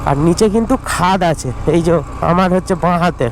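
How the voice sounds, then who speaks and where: A man's voice: high-pitched, fairly quick. A man travel vlogger with a Bengali accent, chatting casually to viewers as he rides and walks outdoors, stumbling and restarting now and then. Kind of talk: casual travel vlog narration. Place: outdoors, riding a motorbike on country roads and climbing steps. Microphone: action camera on the helmet. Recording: faint road and vehicle noise outdoors.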